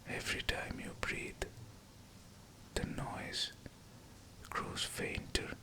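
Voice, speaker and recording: A man whispering a scripted pep talk of affirmations, in short, deliberate phrases. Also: pushed and bright. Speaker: guided affirmation narrator.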